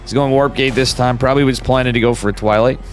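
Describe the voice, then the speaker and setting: A man's voice: medium pitch, fairly even intonation, fast talker. Guy casting a game, chatty and slangy, stuffed up with a cold, nose whistling, music behind him. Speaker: esports commentator. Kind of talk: casual live game commentary.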